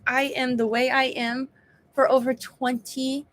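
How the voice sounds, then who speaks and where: High-voiced exhausted woman venting. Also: flat delivery, measured pace, fairly bright tone. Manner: venting, exasperated, restarts and sighs. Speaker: vlogger sharing a health update. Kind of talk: frustrated personal vlog.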